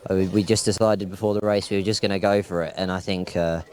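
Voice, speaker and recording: Young guy with a really low voice, calm race recap. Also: quick pace. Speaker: third-placed driver.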